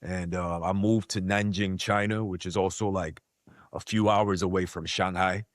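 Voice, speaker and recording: Speaking at a moderate pace with fairly even intonation, this low-voiced man is a podcast guest and content creator, South Korean-born and Queens-raised. The recording is dry and studio quality. His talk is slangy and relaxed, peppered with "like" and "you know what I mean" as he checks the listener is with him.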